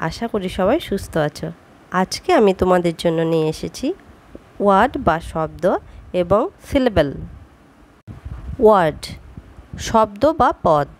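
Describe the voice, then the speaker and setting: A woman teaching a basic English lesson, explaining slowly and clearly and stressing each example word. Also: fairly low pitch, lively intonation. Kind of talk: scripted lesson narration.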